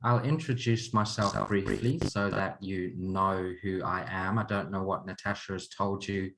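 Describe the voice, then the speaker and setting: Earnest man, low voice. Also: steady tone, unhurried, noisy background. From Zimbabwe. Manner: earnest, open, chuckles often. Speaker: counselor and program leader. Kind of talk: online course introduction.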